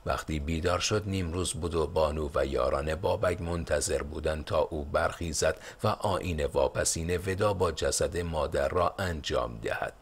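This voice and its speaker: A man narrating a historical novel as an audiobook in a measured storytelling manner. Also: extremely low pitch, slightly rough. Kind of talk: scripted narration.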